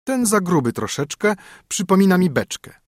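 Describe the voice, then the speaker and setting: Man doing a haughty young princess, storybook, high pitched, lively swooping melody, husky. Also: normal speed, no room sound, studio quality. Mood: mocking. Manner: sing-song, scornful rhyming.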